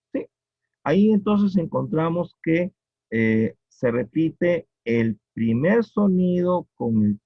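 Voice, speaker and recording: A man with a Peruvian accent teaching a poetry lesson, explaining slowly and repeating each point with checking questions. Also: on the high side, breathy edge, no room sound. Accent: Peruvian Spanish. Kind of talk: classroom lecture on poetry. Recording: dull lo-fi recording.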